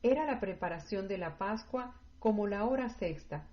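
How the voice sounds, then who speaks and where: A woman reading scripture aloud at a measured, steady pace. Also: medium pitch. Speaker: scripture reader. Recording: dull lo-fi audio.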